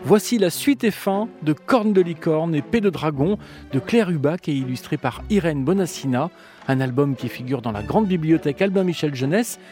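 A man giving a scripted introduction as announcer, playful and unhurried. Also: on the high side, expressive, darkish tone, faint music behind.

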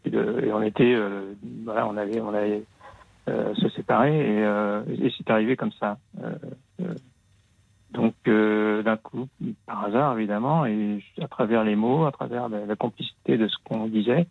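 A man calling in to a radio show, confiding his story in a halting way with many fillers and restarts. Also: on the low side, steady tone, creaky, dry recording. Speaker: caller. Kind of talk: hesitant personal confiding on a call-in show. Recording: phone line.

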